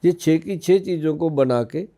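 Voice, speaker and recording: A man's voice: fairly high pitch, measured pace, warm tone. A man from India in his fifties, an Ayurvedic expert on a podcast, explaining in a folksy way with personal anecdotes. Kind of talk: casual podcast interview.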